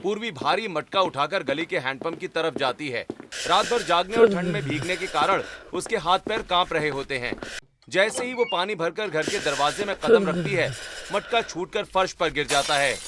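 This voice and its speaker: High-voiced man narrating a cartoon story. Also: animated, normal speed, a crowd in the background. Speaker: narrator and voice of the drunk brother.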